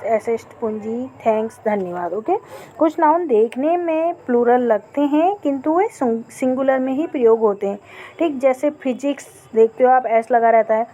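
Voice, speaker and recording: A woman teacher explaining grammar in a recorded lesson, often checking in with "okay" and reading example sentences slowly. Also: a little high, mellow, lo-fi sound. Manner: checks in with frequent "okay" and "theek hai".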